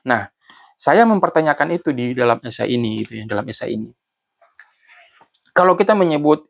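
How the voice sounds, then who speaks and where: A man from Central Sulawesi in Indonesia, an author casually talking through his essay and thinking aloud, often pausing and restarting. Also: mid-range voice, creaky. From Banggai Laut, Central Sulawesi, Indonesia. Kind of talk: casual spoken commentary.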